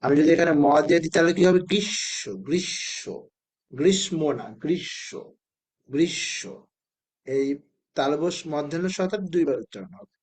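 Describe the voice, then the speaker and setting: A man teaching a spelling and pronunciation lesson to children, who asks questions and answers them himself and says each word slowly, again and again. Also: a little high, a little mellow. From Bangladesh.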